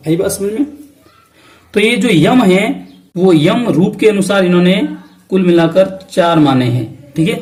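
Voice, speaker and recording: A man with a Rajasthani Hindi accent teaches an exam-prep lesson in a fairly high voice. He poses each question aloud and answers it himself, slowing to repeat key terms. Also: darkish tone. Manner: asks questions then answers them himself.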